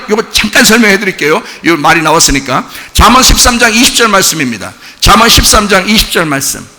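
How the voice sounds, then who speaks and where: This is a male pastor preaching in a church sanctuary, his high, sharp voice filling the large hall. He is emphatic, peppers the congregation with rhetorical questions, and acts out quoted lines.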